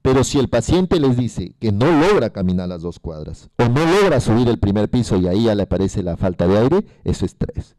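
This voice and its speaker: Low, dark-voiced man lecturing. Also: big pitch swings, a little fast, hardly any pauses, no echo. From Peru. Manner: asks students questions, repeats key terms. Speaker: medical lecturer. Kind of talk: classroom lecture.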